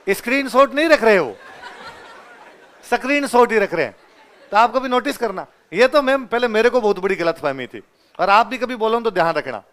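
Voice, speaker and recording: A young male teacher with a Ganganagar-area Rajasthani Hindi accent delivers his lecture through animated classroom stories. His voice sits fairly high, and he acts out the dialogue and laughs often as he talks. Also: normal speed, a faint crowd. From Rajasthan, India.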